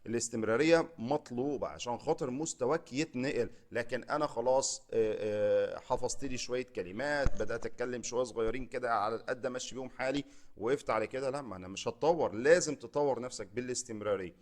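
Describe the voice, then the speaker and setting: A man's voice: medium pitch, fast talker. A man with an Egyptian Arabic accent giving a casual spoken English lesson, chatty and direct with viewers, checking in again and again. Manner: chatty, repeats "تمام؟" often, direct address to viewers. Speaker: English teacher, channel host.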